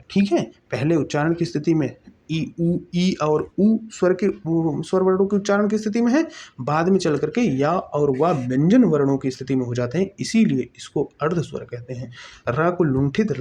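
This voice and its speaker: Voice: medium pitch, warm tone, slightly rough. A teacher giving an exam-prep grammar lesson, explaining step by step, asking and answering their own questions and checking in often. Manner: repeats terms and checks in often.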